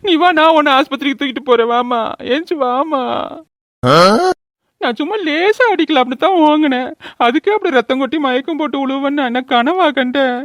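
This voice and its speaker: A woman's voice: high voice, fairly quick, no echo, natural voice. A woman voicing a hot-tempered drunken village man, a grown son, blustering and defensive. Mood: pleading. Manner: blustering, then pleading. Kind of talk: cartoon voice acting.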